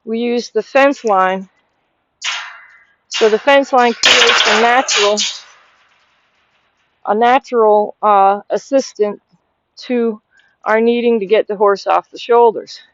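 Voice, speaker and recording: A woman's voice: on the high side, slow, pauses often, fairly bright tone, muffled recording. A woman giving hands-on horse training instruction, explaining as she goes and breaking off for short commands and praise to the animal. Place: horse barn aisle, later an outdoor riding ring.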